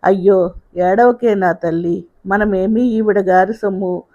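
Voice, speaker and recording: A woman's voice: medium pitch, steady tone, takes it slowly, mellow. A woman voicing a sarcastic middle-aged mother-in-law who scolds and mocks in a storybook reading. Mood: consoling. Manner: mocking, scolding. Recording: dull lo-fi sound.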